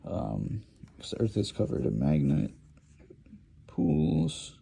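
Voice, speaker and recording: Gravelly, hesitant man giving a lecture. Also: lowish voice, huge pitch swings, slow pace, warm tone. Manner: hesitant, many ums and restarts. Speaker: lecture host. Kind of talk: rambling informal lecture while drawing.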